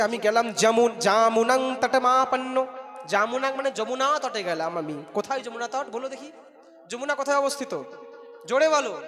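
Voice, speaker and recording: A man from West Bengal giving a devotional storytelling sermon, chanting Sanskrit verses slowly and urging the crowd to call out. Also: high-pitched, a bit bright. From West Bengal, India. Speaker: Bhagavat storyteller. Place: large hall, live gathering. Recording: echoey hall with music behind.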